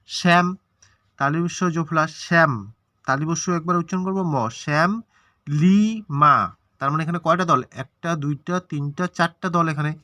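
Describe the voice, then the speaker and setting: A man with a Bengali accent teaching a grammar lesson for an exam. His voice sits a little high and rings bright and forceful, and the recording is close and dry. He asks questions, answers them himself and draws out syllables one by one. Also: no room sound. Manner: repeats and stretches syllables to show pronunciation.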